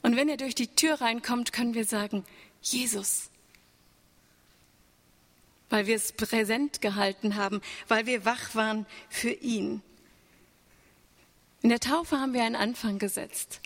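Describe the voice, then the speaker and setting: Higher-voiced woman preaching in a reverberant church. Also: moderate pace, a bit bright. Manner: earnest, with rhetorical questions to the congregation. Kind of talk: Easter sermon.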